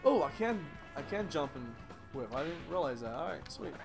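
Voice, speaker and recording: Foul-mouthed ranting gaming commentator. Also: male voice, on the high side, sing-song, moderate pace, gravelly. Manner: profane, ranting and sarcastic; rambling with frequent restarts and asides. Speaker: let's play host. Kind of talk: let's play commentary. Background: game music.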